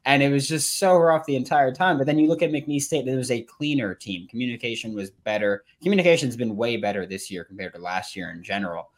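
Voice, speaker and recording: A man's voice: mid-range voice, a little fast, few pauses. A man giving casual, emphatic sports commentary as a podcast panelist.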